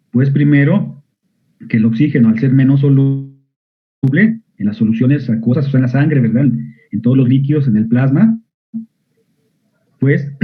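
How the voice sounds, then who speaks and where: A male medical school lecturer giving an online physiology class. He often quizzes his students and clears his throat. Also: medium pitch. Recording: narrow phone-like audio.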